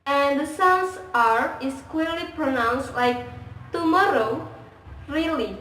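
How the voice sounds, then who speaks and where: A woman's voice: sits high, fairly bright tone. A young woman, a university student, giving a class presentation in earnest, simple phrasing. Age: young adult. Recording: echoey room from far off, faint background noise.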